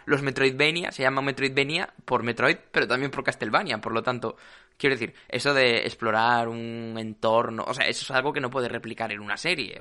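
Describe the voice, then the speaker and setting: A man talking casually on a podcast. His voice is bright and forward, and he rambles along, circling back with fillers and half-started words. Plain pitch for a man. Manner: rambling, full of "o sea" fillers and restarts. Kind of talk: casual chat.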